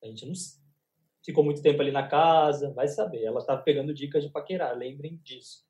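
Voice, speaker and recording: A Brazilian man co-hosts a celebrity gossip chat, teasing and joking as he talks. His voice sits a little high for a man. The room around him rings with echo. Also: fairly even intonation, brisk, mellow. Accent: Brazilian Portuguese. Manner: playful, teasing. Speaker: entertainment news editor, co-host. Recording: echoey room.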